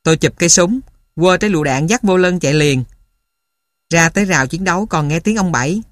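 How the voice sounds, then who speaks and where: A man reading a memoir aloud as a steady storyteller. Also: on the high side, a little fast, no echo, studio quality. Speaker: narrator.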